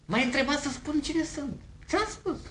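A man's voice: extremely high pitch, lively intonation, sharp tone, slight background noise, exaggerated voice. A man playing a pompous young lovesick suitor in a table reading of a stage comedy, bombastic and flowery, stumbling over fancy words. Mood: ardent.

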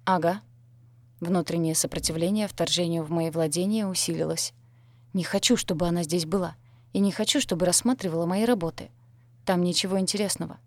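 Female audiobook narrator, lowish voice, dry close recording, measured and wry. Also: a little mellow, dry recording. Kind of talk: first-person audiobook narration.

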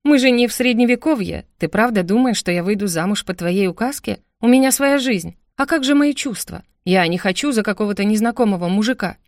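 A woman's voice: fairly high pitch, moderate pace, no room sound, clean studio sound, voice pushed up, lightly acted. A woman voicing a headstrong young woman who snaps back at her guardian with bitter sarcasm. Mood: defiant. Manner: sharp, sarcastic, indignant.

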